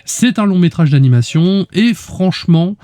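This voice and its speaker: A man's voice: high voice, expressive, normal speed, warm tone. A man with a duck-like, quacky voice, giving a casual review as a podcast co-host. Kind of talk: casual chronicle to a co-host and listeners.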